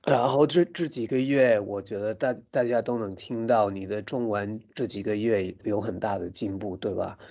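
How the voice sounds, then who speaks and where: A man's voice: lowish voice, steady tone, moderate pace, few pauses, a little mellow, highs cut off. A man, a foreigner speaking Mandarin with a foreign accent, hosting a casual interview as a language coach.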